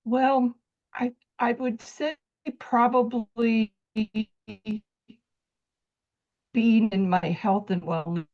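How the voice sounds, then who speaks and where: A woman coming through a badly breaking-up video call connection that chops her words apart. Her speech is very slow and halting, and she sounds muffled and far from the microphone. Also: fairly high pitch, steady tone. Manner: halting, short apologetic replies. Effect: choppy, breaking-up call connection that keeps cutting out. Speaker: meetup participant. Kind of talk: casual group video call.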